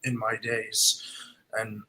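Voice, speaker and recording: A man's voice: lowish voice, monotone, slow, pushed and bright, low-quality recording. A man who is a voice actor, talking hesitantly in casual chat, full of "uh"s, "um"s and repeated words. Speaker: voice actor and musician.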